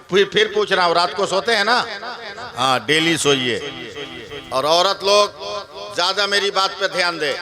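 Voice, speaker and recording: A high-pitched man from West Bengal delivers a slow, deliberate sermon at an open-air religious conference. He repeats his points, keeps asking the crowd questions and drops in jokes. The stage mic picks up a loud crowd throughout. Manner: slow, repetitive, asks the crowd questions, joking asides. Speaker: Islamic preacher. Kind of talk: religious sermon at a public gathering. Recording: live sermon over loud crowd noise.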